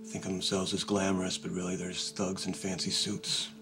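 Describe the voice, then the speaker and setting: An actor playing a brooding, guarded man in a TV soap, speaking in a halting, understated, serious way. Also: sits low, completely flat delivery, over music. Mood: somber, confiding. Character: brooding, guarded man carrying an old grudge. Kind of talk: naturalistic TV soap drama acting.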